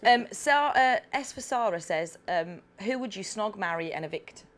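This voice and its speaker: A woman's voice: medium pitch, lively intonation, normal speed, fairly bright tone. Bubbly woman interviewer. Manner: chatty, bubbly, many ums. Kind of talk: casual celebrity interview. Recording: faint background noise.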